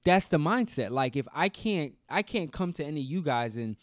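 Dry-sounding man, animated podcast co-host. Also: fairly high pitch, normal speed, no echo. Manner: animated, acts out quoted exchanges. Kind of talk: casual discussion.

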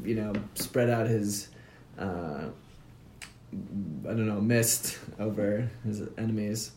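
A man's voice: on the low side, fairly even intonation, slow pace, warm tone. A man co-hosting a soccer podcast in casual chat, joking and hesitant with many fillers. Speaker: podcast co-host. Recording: echoey room with faint noise.

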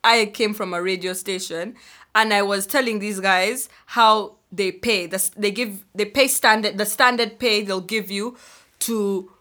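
A woman's voice: mid-range voice, fairly even intonation, a little slow, sharp tone. A Ugandan woman with a Ugandan English accent, co-hosting a podcast and giving frank, opinionated views in casual chat. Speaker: podcast co-host.

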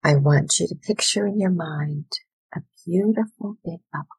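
A woman educator speaking in a soft, soothing, deliberate way with pauses, as if leading a guided visualization, her voice breathy and husky. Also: on the low side, no echo, low-quality recording. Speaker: educator, workshop leader.

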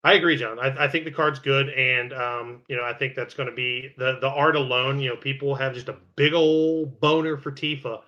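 A man co-hosting a casual card game podcast, relaxed and rambling, with lots of fillers and restarts. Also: medium pitch, moderate pace, few pauses, dull audio. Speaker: podcast co-host.

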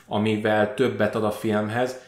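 A man co-hosting a podcast, chatting casually about films and often pausing on filler sounds. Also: lowish voice, level tone. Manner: hesitant, many filler sounds. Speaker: podcast co-host. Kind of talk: casual film chat. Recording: roomy echo.

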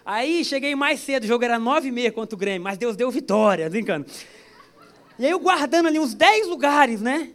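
A man's voice: very high-pitched, lively intonation, a little fast, a bit bright. A man preaching a sermon to a church service, chatty and joking, with stories woven in. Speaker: pastor.

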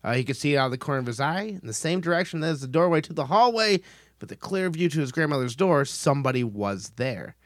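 A man on a podcast telling a paranormal story in a casual way, swearing and getting loud when he's excited. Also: fairly high pitch, fast, no echo, clean studio sound.

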